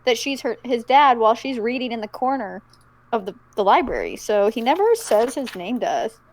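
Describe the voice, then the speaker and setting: High-voiced woman joking through a tabletop game. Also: very animated, normal speed, no echo. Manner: blunt, joking, swears freely. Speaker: player. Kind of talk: casual tabletop chat.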